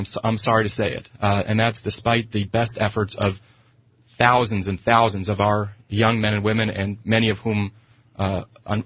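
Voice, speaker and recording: A man from the United States argues politics as a talk radio guest, emphatic and repeating phrases to press his point. His voice is lowish, and the audio is dull but has no echo.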